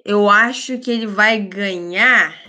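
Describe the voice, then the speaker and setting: A woman's voice: mid-range voice, slow pace, pushed and bright. A woman with a Brazilian accent making casual sports predictions on a podcast.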